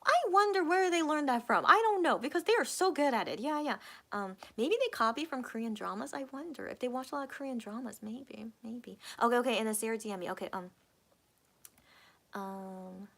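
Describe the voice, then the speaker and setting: With a gravelly, expressive voice at a fairly high pitch, a young adult woman speaks fairly quickly while running a casual live stream. A native English speaker, she reads the chat and rambles through her answers, heavy on fillers and repeated words.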